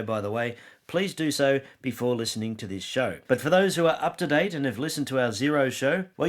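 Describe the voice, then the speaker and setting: A man from Australia co-hosting a scripted podcast with a measured, emphatic delivery. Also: medium pitch. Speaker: podcast co-host. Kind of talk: scripted comedic podcast banter.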